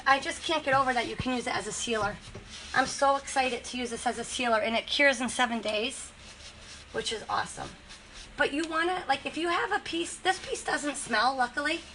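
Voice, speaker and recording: A chatty, enthusiastic woman from Western Massachusetts demonstrates furniture finishing in a casual livestream, a bit congested from a cold. Her high-pitched voice is bright and forceful, on a low-quality recording with slight background noise.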